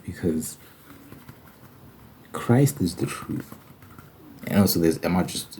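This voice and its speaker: A man with a mellow bass voice hosts an ASMR Bible study, giving an informal religious talk that ends in prayer. He's earnest and conversational, repeating phrases for emphasis, with a slight hiss or hum behind him.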